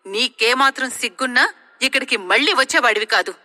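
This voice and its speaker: A woman voicing a proud young woman, a priest's daughter, who talks in a scornful, sharp-tongued way. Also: a little high, a little fast.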